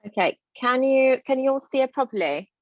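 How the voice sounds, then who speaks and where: High-pitched and animated, this woman speaks a little fast; the highs are cut off and there's no room sound. She's a dentist from northern Italy with an Italian accent, giving a chatty online masterclass on a video call full of fillers and restarts.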